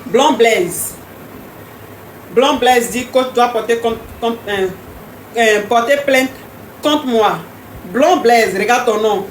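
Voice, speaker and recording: High-voiced woman on a live stream, teasing chatter, echoey room with faint hum behind. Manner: repetitive, teasing, talks straight to commenters. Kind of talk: casual live chat with viewers.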